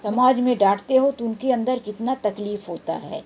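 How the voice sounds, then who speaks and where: A woman's voice: on the high side, normal speed, darkish tone, lo-fi sound, a little hiss or hum. A woman vlogger in her thirties giving earnest, plainspoken advice straight to camera. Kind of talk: advice vlog talking to camera.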